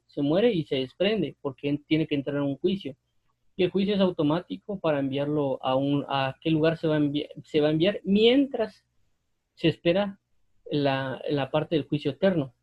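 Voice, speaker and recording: A man giving an unscripted Bible commentary, pausing often with fillers and restarts as he explains a passage. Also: a little high, lo-fi sound. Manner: hesitant, many fillers and restarts. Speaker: Bible teacher.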